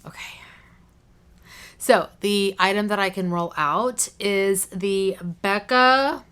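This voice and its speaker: A beauty vlogger speaks slowly to the camera in a clear, resonant, fairly bright mid-range voice. Her talk is chatty, informal, and inclined to wander, and she sounds a bit congested, holding a cough drop in her cheek.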